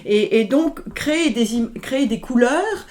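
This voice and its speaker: A woman's voice: a little high, lively intonation, measured pace, a little mellow. A woman violinist answering interview questions, speaking with many hesitations, fillers and restarts. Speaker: violinist guest. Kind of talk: conversational interview.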